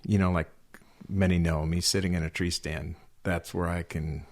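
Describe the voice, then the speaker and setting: A man's voice: sits low, flat delivery, normal speed, darkish tone. A man co-hosting a casual ministry podcast, talking in a reflective, conversational way.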